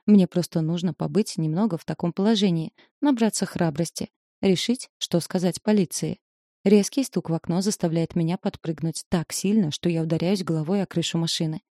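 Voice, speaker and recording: A woman's voice: lowish voice, a little fast, mellow, no room sound, clean studio sound. A woman reading a novel aloud in the first person, telling a tense, confessional story. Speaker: audiobook narrator.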